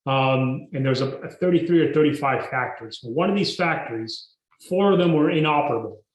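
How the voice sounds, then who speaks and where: A man, a guest telling his story in a podcast interview in a measured, emphatic way. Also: mid-range voice. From Mexico. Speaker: guest entrepreneur. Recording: roomy echo.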